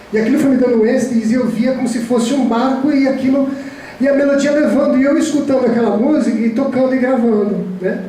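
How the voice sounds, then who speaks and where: A man delivers a reflective spiritist talk as a lecturer, restarting often while recounting a personal story. He has a high voice with a dark tone, and there's slight background noise. The recording captures the very echoey lecture hall from a distance.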